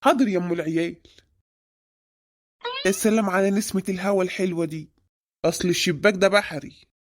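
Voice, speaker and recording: A woman's voice: on the low side, brisk, close to an everyday voice. A woman voicing a grumpy, preachy father in an Egyptian cartoon, with an Egyptian Arabic accent. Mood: grumbling. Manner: grumbling, preachy.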